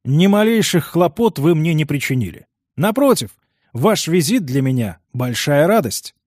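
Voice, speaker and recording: A man reading the part of a stout, kindly older gentleman who talks warmly and eagerly. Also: a little high, very animated, normal speed, no echo, studio quality. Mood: reassuring. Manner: warm, eager, laughing.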